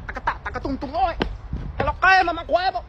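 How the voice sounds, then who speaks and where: A man voicing a rowdy Dominican street guy who shouts in rhythmic slang. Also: extremely high pitch, brisk, lo-fi sound, slight background noise, voice pushed up.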